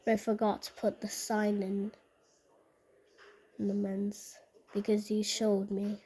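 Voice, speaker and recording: A woman giving casual vlog commentary in a halting, repetitive way, often restating her phrases. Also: mid-range voice, monotone, warm tone, husky. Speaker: video narrator.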